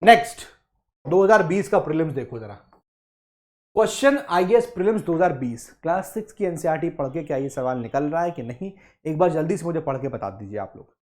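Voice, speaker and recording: A young man teaching an exam prep lesson, talking emphatically and coaxing students, and slowing down to read English quotes aloud. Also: a little high, animated, a little mellow. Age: young adult. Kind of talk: Hindi-English lecture.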